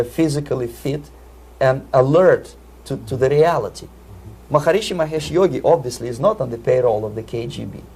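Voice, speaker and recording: A man's voice: mid-range voice, warm tone, slightly rough. A man from the Soviet Union with a Russian accent, giving earnest, lecturing answers in an interview and often repeating words as he searches for them. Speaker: interview guest.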